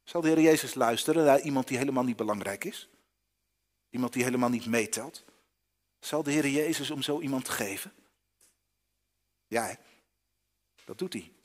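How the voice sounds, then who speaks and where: A man's voice: mid-range voice, moderate pace, long pauses, long reverb tail. A man preaching a children's sermon in a church, often asking the listeners direct questions.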